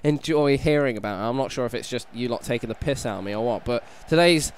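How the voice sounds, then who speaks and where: A hungover British man giving casual, self-deprecating commentary on a video game playthrough, sounding slightly croaky. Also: medium pitch, fast, a little hiss or hum. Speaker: gaming YouTuber, host. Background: background music.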